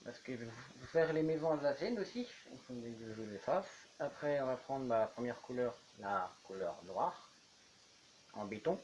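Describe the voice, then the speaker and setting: A man's voice: medium pitch, lively intonation, a little fast, few pauses, darkish tone, slight background noise, poor audio. Rambling man narrating his game build. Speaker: YouTuber. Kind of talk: casual gameplay commentary.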